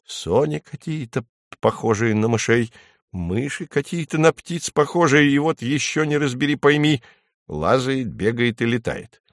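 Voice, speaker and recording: A man's voice: mid-range voice, animated, measured pace, dry recording, clean studio sound. A man voicing a fussy male woodpecker who builds houses, exclaiming indignantly in a storybook reading.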